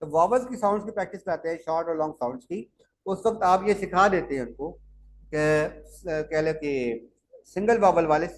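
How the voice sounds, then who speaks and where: A man lectures teachers on how to teach reading. He explains in a measured, repetitive way and stops to correct himself. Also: on the high side, a little hiss or hum. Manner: explanatory, repeats steps, corrects himself with "sorry". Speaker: teacher trainer.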